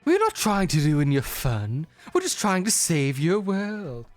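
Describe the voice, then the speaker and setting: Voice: mid-range voice, huge pitch swings, measured pace, no room sound, faint music behind. A streamer voicing an earnest, preachy do-gooder monster, pleading and exasperated, in a dating game read on stream.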